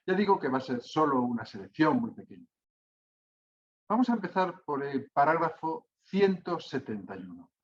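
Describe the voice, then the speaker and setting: A man gives a lecture and reads passages slowly and deliberately, with a few hesitant fillers between phrases. His voice sits fairly high for a man. The sound is dull and lo-fi, like audio from a computer mic. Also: very animated, a little hiss or hum. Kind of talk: academic lecture, reading aloud. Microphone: computer mic, reading from screen.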